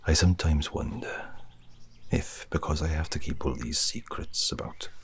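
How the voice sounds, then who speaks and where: A man's voice: a bass voice, a little hiss or hum. A man playing a sardonic, menacing retired spy in a brooding, whispered role-play monologue. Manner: hushed, brooding monologue, drawn-out phrases. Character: sardonic, menacing retired British spy musing on his secrets.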